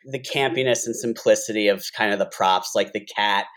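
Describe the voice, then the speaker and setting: A man with a low-pitched voice co-hosts a casual film podcast. He talks in a loose, chatty way, hedges his opinions and often drops in "you know". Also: fairly quick, a bit bright. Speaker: podcast co-host.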